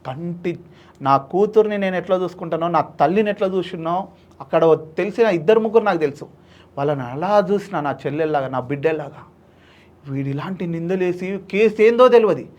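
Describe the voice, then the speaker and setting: High-voiced man telling his story. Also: brisk, muffled recording. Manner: animated, acts out quoted voices. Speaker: social activist guest. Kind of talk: emotional interview storytelling.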